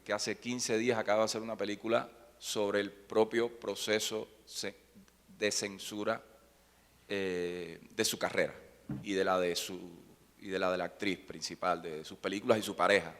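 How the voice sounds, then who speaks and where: At an academic panel in a reverberant conference hall, a man reflects thoughtfully, hesitating and restarting his phrases often. His voice is lowish and somewhat bright.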